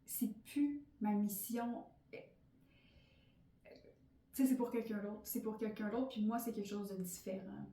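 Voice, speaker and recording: A woman's voice: medium pitch, a little slow, long pauses, mellow. A woman with a Québécois French accent, a podcast host in her thirties, sharing a casual, candid personal monologue full of fillers. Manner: chatty and candid, many fillers. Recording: roomy, slightly distant mic.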